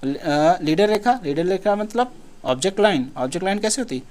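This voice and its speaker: Casual, slightly high-voiced male teacher. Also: lively intonation, a little fast, a little mellow. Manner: casual, repeats himself, asks and answers his own questions. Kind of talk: exam-prep lesson, solving questions.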